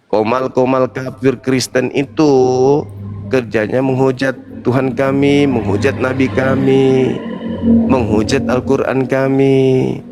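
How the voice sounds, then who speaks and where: A man's voice: medium pitch, steady tone, slow, background noise. A middle-aged man hosting a heated live religious debate, talking combatively and mocking his opponent with laughter. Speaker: debate show host, foundation founder.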